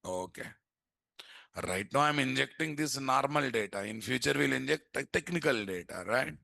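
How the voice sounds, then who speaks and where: The recording is studio quality with no echo, capturing a mid-range, animated voice at a moderate pace, creaky and sharp in tone. He is an Indian-accented programming instructor leading a live coding session indoors at a computer, peppering it with rhetorical questions and repeated "what"s.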